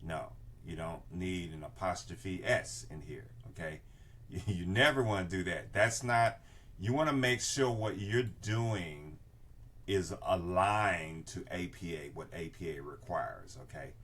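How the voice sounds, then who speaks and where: A man's voice: deep voice, expressive, a little slow, fairly bright tone. An older man giving an informal tutorial as an instructor, explaining and often checking that listeners follow. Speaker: research class instructor. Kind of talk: informal screen-share tutorial. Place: indoor room with bookshelves, video inset.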